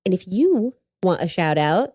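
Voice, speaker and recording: Young woman podcast co-host, warm low voice, lively, agreeable, dry sound. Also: no room sound. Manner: agreeable, quick to cheer along. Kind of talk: casual chat.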